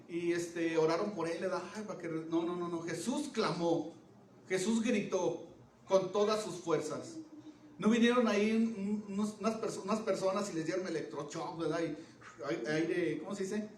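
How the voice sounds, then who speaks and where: High-voiced male preacher in echoey hall. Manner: questions the congregation often, checking with "¿Ok?"; swings from loud emphasis to hushed low phrases. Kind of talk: sermon. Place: church hall. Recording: echoey church room, voice from a distance, faint background noise.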